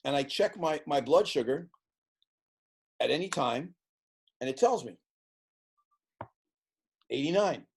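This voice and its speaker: A man in his sixties, an interview guest who tells lively stories and acts out the voices of the people in them. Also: on the high side, takes it slowly, gravelly, long pauses, slightly rough. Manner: animated storyteller acting out quoted voices. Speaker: interview guest, sports team executive. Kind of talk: casual storytelling in an interview.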